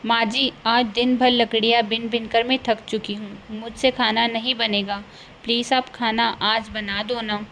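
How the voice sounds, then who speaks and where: A woman voicing a meek, hardworking young daughter-in-law in a cartoon, gentle and polite. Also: on the high side, flat delivery, unhurried, a little hiss or hum. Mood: pleading. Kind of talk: cartoon voice acting.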